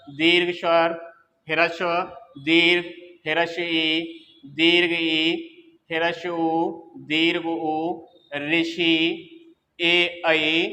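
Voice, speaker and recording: A young male teacher giving a grammar lesson, addressing the students as children and repeating each term slowly. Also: high-pitched, sharp tone, slight background noise. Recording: long reverb, hall-like.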